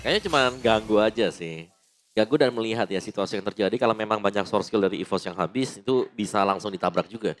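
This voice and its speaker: Fast-talking Indonesian male esports analyst caster. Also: fairly low pitch.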